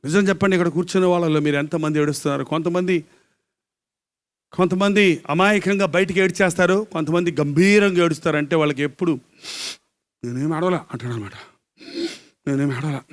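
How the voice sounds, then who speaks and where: A male evangelist preaching a live sermon, dropping to hushed murmurs, then rising into loud, impassioned cries and asking the congregation questions. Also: a little high, fast.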